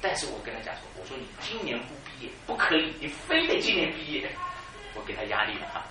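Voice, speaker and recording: Brief: preacher in his fifties, lively pitch, echoey hall from far off. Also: fast talker, a crowd in the background. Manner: animated storytelling, laughing at his own jokes. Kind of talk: sermon. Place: church hall. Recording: echoey church hall, mic far off, noisy.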